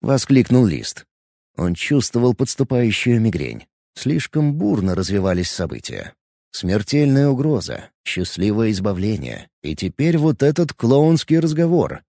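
Gravelly, dark male audiobook narrator. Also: medium pitch, very animated, measured pace, no room sound, clean studio sound. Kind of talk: scripted narration.

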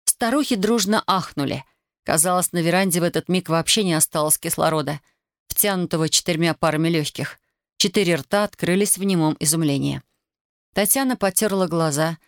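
Woman with a low voice reading an audiobook. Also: dry recording, studio quality. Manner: measured, even reading. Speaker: audiobook narrator. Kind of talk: audiobook narration.

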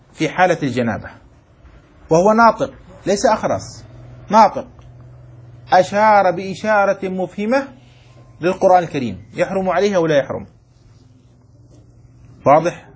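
High-pitched husky guy teaching a class, keeps asking students if they get it, chants verses slowly so they can write. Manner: asks the class questions and repeats points; chants rhyming lines slowly for dictation. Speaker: teacher of Islamic jurisprudence. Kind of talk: classroom lesson with dictation.

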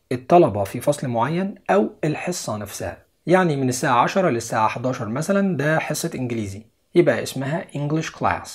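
Young Egyptian man, patient video English teacher, breathy voice, mid pitch. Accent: Egyptian Arabic. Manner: explains step by step, repeats each English word twice. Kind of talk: video lesson.

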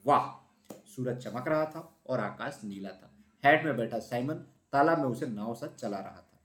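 A man tells a children's story aloud and gives the telling plenty of expression. His voice has a medium pitch. A roomy echo comes through the recording. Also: lively intonation, moderate pace.

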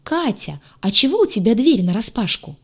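A woman's voice: a little high, big pitch swings, moderate pace, breathy edge, heavily acted. A woman voicing a cheerful, easygoing young man. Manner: happy, easygoing.

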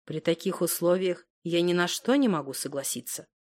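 A woman voicing a calm defiant young detective. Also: moderate pace, close to an everyday voice. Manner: calm, steady, low-key.

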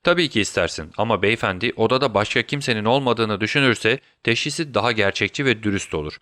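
A man's voice: fairly low pitch, fast, bright, forceful tone, no echo, studio quality. A man voicing a sick, feverish male detective in a storybook reading, urgent and conspiratorial.

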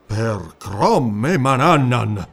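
A brash young barbarian warrior, boastful and defiant, in a slightly raised, lively voice that lands each word with force, with a man voicing him for an audiobook. He sounds bold and sure of himself. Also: a little high, a little fast, close to an everyday voice. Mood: rueful.

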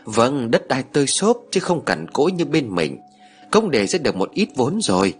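A man voicing a calm, frank young village woman, as an audiobook narrator with a husky voice. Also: medium pitch, normal speed, faint music behind. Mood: offhand. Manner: offhand, calm.

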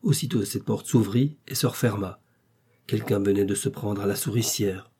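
Brief: male audiobook narrator, mellow warm tone, slightly husky, measured literary reading. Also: lowish voice. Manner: measured, steady storytelling.

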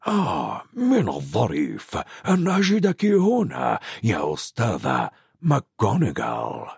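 Gentle elderly headmaster wizard, voiced by a man, low and husky, dry close read. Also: huge pitch swings, no room sound, exaggerated voice. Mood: amused. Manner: soft, unhurried, kindly.

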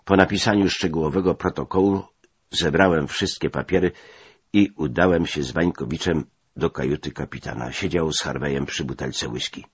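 A man narrating a memoir in measured, first-person scripted storytelling. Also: very deep voice, breathy edge, no echo, dull audio.

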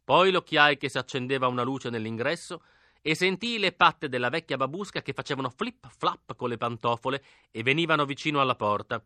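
A male narrator reads a literary novel with expressive, acted dialogue, sinking to a hush for whispered lines. His voice is mid-pitched and bright, caught close and dry in a studio. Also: brisk, no echo. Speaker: audiobook narrator. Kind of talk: literary audiobook reading.

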